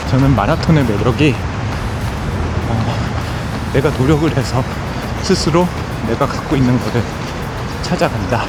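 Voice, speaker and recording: Male runner-vlogger, mid pitch, talking mid-run in short phrases, prominent music underneath. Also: poor audio. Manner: talking while running, in short broken phrases. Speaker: running content creator. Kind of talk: casual vlog monologue. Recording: music over outdoor recording.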